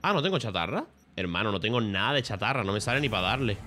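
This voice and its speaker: A man talks through a game on stream, chatty and swearing freely. His voice sits a little low, with faint noise behind it. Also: lively intonation, fast. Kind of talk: casual gameplay commentary.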